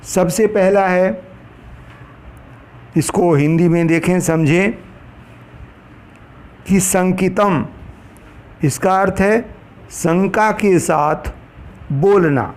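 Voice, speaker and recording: A man teaching a lesson in a slow, deliberate way, laying out each point one by one. His voice sits high for a man, and he recites verses in a chanting cadence. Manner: slow, measured explanation, recites Sanskrit verses. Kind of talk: lecture on pronunciation for trainee teachers.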